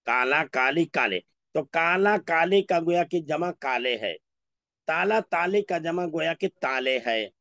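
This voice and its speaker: A man teaching an Urdu class, going through word lists slowly and repeating each word. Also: fairly high pitch, lively intonation, pushed and bright, no echo. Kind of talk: classroom lesson.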